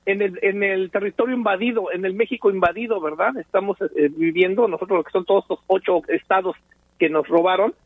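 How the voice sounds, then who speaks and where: A man's voice: high-pitched, brisk, dry recording. A Mexican man calling in to a radio show, speaking passionately and hesitantly with many fillers. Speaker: radio caller. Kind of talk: phone-in call to a radio show. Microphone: telephone. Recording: tinny phone line.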